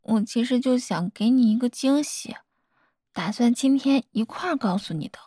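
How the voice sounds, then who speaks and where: Breathy young woman, tender and coaxing. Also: a little high, moderate pace, dark tone, no room sound, studio quality. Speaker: girlfriend in audio role-play. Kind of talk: girlfriend role-play audio.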